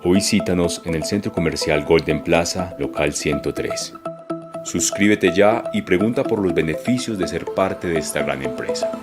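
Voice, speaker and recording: Low-voiced man reading an advert over music. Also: moderate pace. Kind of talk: scripted advertisement narration. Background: loud music bed.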